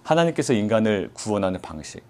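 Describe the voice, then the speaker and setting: A man preaching a sermon as pastor, asking the congregation rhetorical questions and stressing key words by slowing down. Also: fairly low pitch, big pitch swings, a little mellow. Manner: rhetorical questions, quoting God in a mock-gruff voice.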